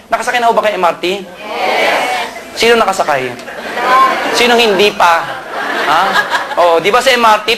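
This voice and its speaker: A man from Pangasinan giving a joking sales pitch at a marketing seminar, asking the audience questions and shouting punchlines. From Pangasinan, Philippines. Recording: live event with loud crowd and noise.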